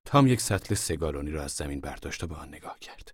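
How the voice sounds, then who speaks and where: A man narrating an audiobook in a measured, even reading. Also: a bass voice, slightly rough, no echo, studio quality.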